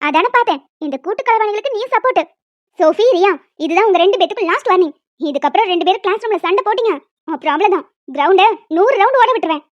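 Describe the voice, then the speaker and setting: A woman voicing a strict female college lecturer in a cartoon, who scolds loudly. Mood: stern. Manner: loud scolding, high-pitched and fast. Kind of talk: cartoon voice acting. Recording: dull lo-fi dry sound.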